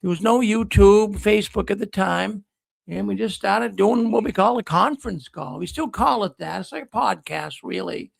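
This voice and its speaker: A man with a high voice and vocal fry hosts a casual talk show at a normal speed. He rambles, often repeating words as he restarts his sentences.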